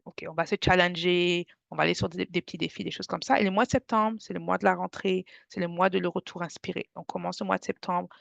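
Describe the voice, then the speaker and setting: A woman's voice: on the low side, steady tone, fast, gravelly, few pauses, a bit bright, no room sound. A woman leading a parenting workshop webinar over a video call, talking in a hesitant way and often repeating words. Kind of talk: webinar presentation. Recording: dull lo-fi video call audio.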